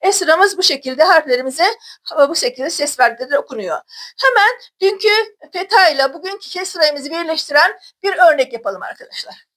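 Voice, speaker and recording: A young woman with a very high, bright voice leads a children's reading lesson. She drags out each syllable slowly and clearly, calling to her young pupils as she goes. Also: expressive, rough recording. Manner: slow, drawn-out syllables addressed to children. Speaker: Quran reading teacher. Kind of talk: children's lesson on letter sounds.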